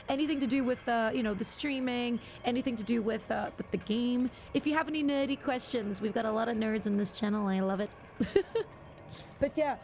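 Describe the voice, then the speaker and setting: A young woman streams a game, her voice on the high side with vocal fry and a slightly worn-out quality, over a little hiss or hum. A variety streamer, she chats casually and rambles with many fillers.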